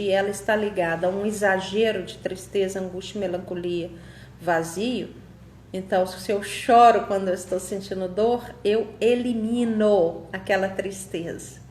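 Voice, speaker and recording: A woman giving a motivational self-help talk, emphatic, urging listeners to take notes and drawing out key phrases slowly. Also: mid-range voice, darkish tone, slight background noise. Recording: roomy echo.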